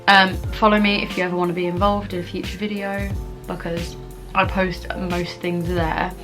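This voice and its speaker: Low-pitched young southern English woman vlogging. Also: level tone, moderate pace, music in the background. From England, Kent. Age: young adult. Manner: rambling, informal asides. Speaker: vlogger answering viewer questions. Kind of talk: casual chatty mukbang vlog.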